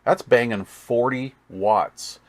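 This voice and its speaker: A man with a mid-range voice does a casual, hands-on product demo as a hobbyist reviewer, taking it slowly. He thinks aloud as he works, with folksy, easygoing enthusiasm.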